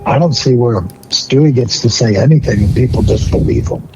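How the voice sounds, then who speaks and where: A man's voice: medium pitch, brisk, over music, rough recording. A man in casual, conversational talk with another video creator. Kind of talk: casual chat.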